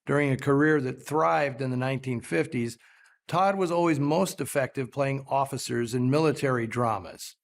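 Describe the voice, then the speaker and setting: A man hosting a film program, delivering scripted commentary in a measured, articulate storytelling way. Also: mid-range voice, creaky. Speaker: film show host.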